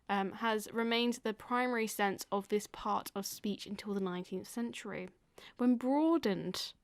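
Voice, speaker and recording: A woman in a relaxed podcast chat, talking at an ordinary middle pitch. She explains in long winding stretches, full of ums and restarts, and laughs easily. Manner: explains at length, laughs often, lots of fillers. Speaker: podcast co-host.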